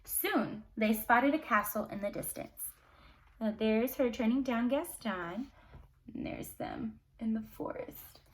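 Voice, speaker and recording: Taking it slowly, a storyteller and teacher with a voice on the high side performs a fairy tale for children with expressive, dramatic flair and occasional offhand remarks. The recording is rough.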